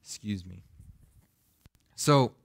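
A man's voice: on the low side, animated, drawn-out words, gravelly, slightly rough, no echo. Young guy preaching, groggy voice, earnest, keeps asking the church questions, dry close sound. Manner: earnest, asks the congregation questions. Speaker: pastor. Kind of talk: sermon.

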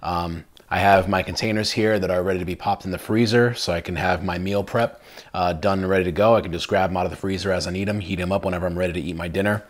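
A man's voice: sits low, fairly even intonation, quick pace. A young adult man hosting a casual cooking vlog from his home kitchen, chatty and enthusiastic with lots of fillers. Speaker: cooking channel host.

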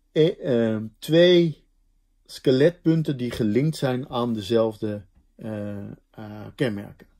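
A man's voice: mid-range voice, dark tone. Man lecturing with restarts and fillers. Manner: explanatory, thinking aloud with many fillers and restarts. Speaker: linguistics lecturer. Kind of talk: recorded university lecture.

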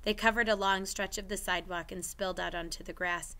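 Woman, bright tone, expressive read-aloud of a children's novel, lifts her voice for characters. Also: medium pitch, brisk. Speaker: teacher reading aloud.

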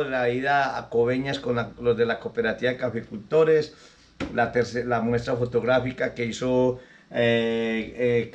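A man's voice: medium pitch, highs cut off. A man hosting a local show, sending greetings and telling corny jokes he laughs at himself. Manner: chuckles at his own bad jokes. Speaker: host.

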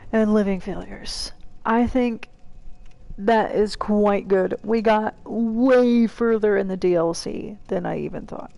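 Woman streamer, slow gravelly delivery, swears at the game and talks to chat. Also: medium pitch, mellow, a little hiss or hum. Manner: chats to viewers. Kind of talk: live gameplay commentary.

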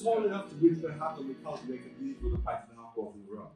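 A man's voice: medium pitch, big pitch swings, racing. A man from Barbados, a historian on a panel, telling a humorous anecdote. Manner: humorous storyteller. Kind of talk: anecdotal self-introduction. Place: conference room with audience. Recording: echoey hall, distant mic, music.

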